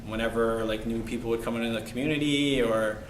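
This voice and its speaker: Guy introducing himself slow and even, echoey noisy room. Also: mid-range voice. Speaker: interviewee. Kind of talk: interview introduction and answers.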